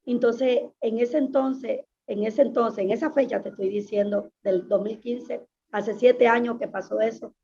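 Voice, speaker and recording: A woman's voice: fairly high pitch, fairly even intonation, a little slow, few pauses, warm tone. A woman pastor giving an earnest, emphatic personal testimony in an interview, often repeating her phrases. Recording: dull lo-fi sound.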